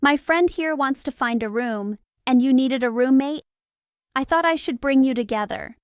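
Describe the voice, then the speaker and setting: A woman's voice: sits high, moderate pace, smooth, no echo, studio quality, natural voice. Woman reading a friendly young man in a storybook.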